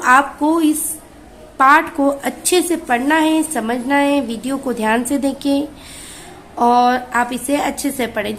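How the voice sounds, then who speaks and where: Slow, high-voiced woman teacher drilling. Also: slight background noise, rough recording. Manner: slow, drawn-out call-and-repeat drilling. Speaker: school teacher. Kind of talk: kindergarten reading lesson.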